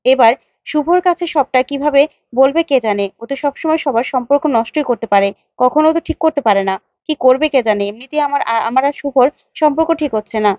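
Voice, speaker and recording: A woman's voice: sits high, a little fast, no room sound, dull audio, close to an everyday voice. A woman voicing a young married man who answers firmly and defensively. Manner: firm, defensive.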